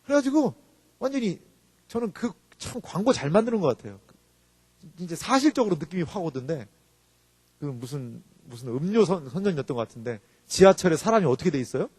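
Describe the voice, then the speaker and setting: A male pastor giving an animated sermon, acting out quoted voices and rising to shouts. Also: on the high side, brisk, breathy edge. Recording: long reverb of a hall.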